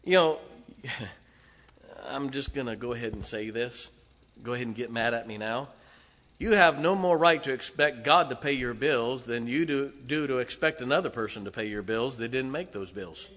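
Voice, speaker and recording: A man preaching a sermon as pastor, emphatic and full of rhetorical questions to the congregation, his volume swinging between loud and soft. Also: mid-range voice. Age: 40s. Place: church sanctuary. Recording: long hall reverb.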